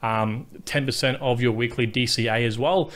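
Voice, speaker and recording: A young man talks through a screen tutorial in an even, monotone voice that sits at an ordinary pitch for a man. His tone stays casual and explanatory, and he often adds a quick tag question to check that viewers are following. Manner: monotone, self-described. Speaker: host of a crypto tutorial channel.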